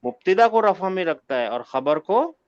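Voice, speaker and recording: A man teaches an Arabic grammar class, firing questions at his students and repeating key phrases until they stick. His voice sits a little high for a man. The sound is dry, muffled and lo-fi. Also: sing-song, moderate pace, dry recording. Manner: quizzes students, repeats phrases, corrects them patiently.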